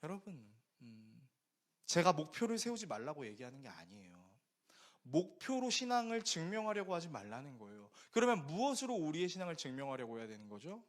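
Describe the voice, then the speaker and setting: A man preaching a sermon as pastor, animated and conversational, often asking the congregation questions. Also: a little high, a little fast.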